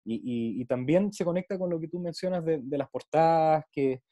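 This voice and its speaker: Earnest man, mellow, fairly high voice. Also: moderate pace, no room sound, clean studio sound. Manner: earnest, wordy, repeating small linking words. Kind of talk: reflective casual conversation.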